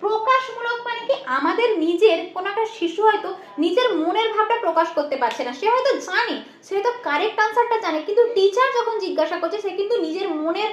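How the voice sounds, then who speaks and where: A woman with a West Bengal accent delivers a rapid, very high-pitched exam-prep lecture. She keeps asking rhetorical questions and checking that her students follow. The room around her is echoey. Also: expressive. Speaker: teacher.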